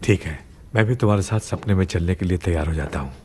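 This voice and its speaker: A man dubbing a confident ghost expert in a Hindi film, calm and instructive. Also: low voice, fast, a little hiss or hum, close to an everyday voice. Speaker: ghost expert addressed as sir.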